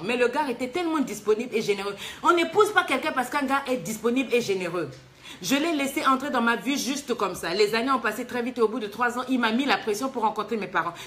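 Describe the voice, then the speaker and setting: Animated woman life coach, teasing. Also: fairly high pitch, a little hiss or hum. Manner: animated, teasing, emphatic with rhetorical questions. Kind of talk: live advice talk reading a letter.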